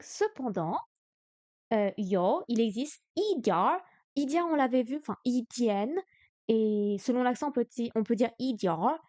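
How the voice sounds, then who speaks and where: Woman streamer, mellow and dry-sounding, talks through a lesson hesitantly, full of fillers. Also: a little high, dry recording. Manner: thinks aloud, hesitant, many fillers. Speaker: streamer learning Chinese. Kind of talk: live-streamed study session.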